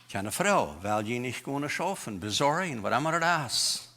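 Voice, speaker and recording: A man preaching a sermon in a church, with a Low German accent, mixing German and English words into his talk in an emphatic way. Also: big pitch swings, normal speed, bright, forceful tone. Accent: Mennonite Low German.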